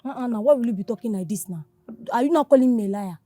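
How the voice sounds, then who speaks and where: An actress playing an evasive young woman with a Nigerian accent who keeps making quick excuses. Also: on the high side, expressive, mellow, lightly acted.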